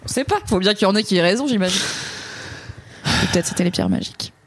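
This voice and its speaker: A woman's voice: medium pitch, fast talker, slightly rough, no echo. A woman co-hosting a podcast, trading wry, teasing quips in easy casual chat. Her mid-range voice is recorded dry and close. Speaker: podcast co-host.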